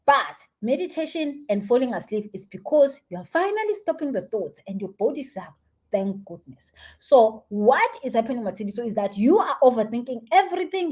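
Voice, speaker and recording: A young South African woman giving spiritual advice in a casual live stream, animated and chatty, sometimes dropping to a soft near-whisper. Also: a little high, husky. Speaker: spiritual teacher answering viewer comments.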